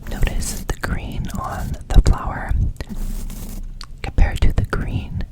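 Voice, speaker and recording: A man whispering an ASMR ramble close to the microphone, softly repeating words and phrases as he goes. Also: takes it slowly, rough recording. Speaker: ASMR video creator and host. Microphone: close microphone, brushed as he talks.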